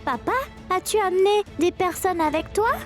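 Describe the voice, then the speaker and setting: An actress dubbing a lost little girl who calls out to her parents, with music softly underneath. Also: extremely high pitch, normal speed. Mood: plaintive. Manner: plaintive, childlike. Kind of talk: French dub of a TV drama. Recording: soft music under dialogue.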